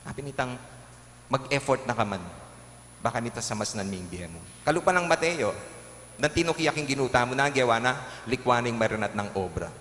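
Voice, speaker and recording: Kapampangan-accented priest, lively homily, echoey church reverb. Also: male voice, medium pitch, a little fast. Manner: preaching with lively shifts, acting out jokes and quotes. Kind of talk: homily in a live-streamed Mass. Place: large church. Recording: echoey church with long reverb, faint hum.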